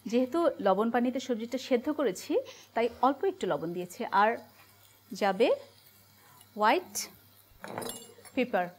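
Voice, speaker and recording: A woman's voice: on the high side, expressive, unhurried, long pauses. A woman hosting a cooking show, explaining each step in a teasing, playful way. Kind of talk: cooking demonstration with playful banter. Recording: noisy kitchen with clinking utensils. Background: cutlery and pan sounds.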